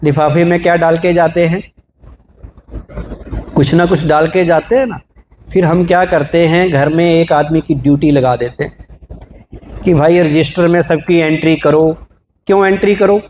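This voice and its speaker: High-voiced man giving a motivational talk. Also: moderate pace, pauses often, slight background noise. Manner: asks the audience rhetorical questions, calls for raised hands; explains with everyday examples, lively. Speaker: spiritual speaker. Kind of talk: motivational talk to a live audience.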